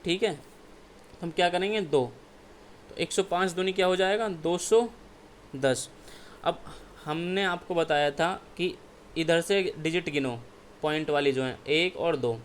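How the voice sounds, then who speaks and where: An Indian maths teacher with a slightly high voice goes through exam problems unhurriedly, pausing often. Step by step, he asks and answers his own questions, checking in again and again with "ठीक है." There's slight background noise.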